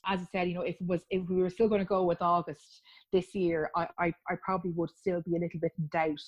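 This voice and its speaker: An Irish woman, appearing as an interview guest, chats casually about her postponed wedding plans, talking freely while often laughing and restarting her sentences. Her voice is lowish and flat in delivery, she speaks quickly, and the highs are cut off.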